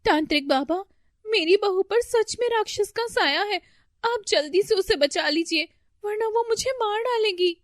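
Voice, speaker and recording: A woman voicing a fretful, easily panicked older mother-in-law in a storybook tale, with a shrill, wailing, pleading way of talking. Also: lively intonation, normal speed, no room sound, clean studio sound.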